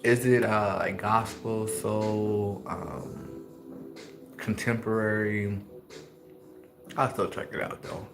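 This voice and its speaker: A man's voice: on the low side, steady tone, slow, pauses often, over music. Man chatting while chewing food. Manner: rambling, chats while chewing. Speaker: vlogger. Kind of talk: casual mukbang chat.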